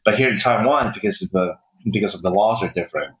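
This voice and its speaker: A man, a guest chef, giving casual interview answers in a halting way with many restarts, heard through fuzzy distortion and echo. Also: fairly low pitch, a bit bright. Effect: fuzzy distortion and echo from a faulty recording. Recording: distorted echoey recording.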